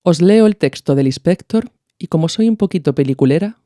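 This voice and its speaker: Fairly low in pitch and warm, this Peninsular Spanish-accented podcast host speaks expressively and a little fast. She gives informal, thoughtful commentary and reads from a literary work, and the recording is dry.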